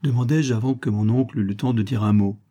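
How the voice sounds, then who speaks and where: A man reading a novel aloud as an audiobook narrator, in a measured storytelling manner. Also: medium pitch, warm tone. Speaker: audiobook reader.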